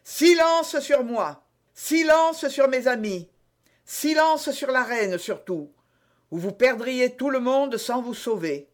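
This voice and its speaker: A bold young musketeer leader, as a male reader puts him on, issuing brisk, commanding orders in a raised, bright voice. He is clever and self-assured in this storybook telling. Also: extremely high pitch, pitched above the performer's own voice. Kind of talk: audiobook reading.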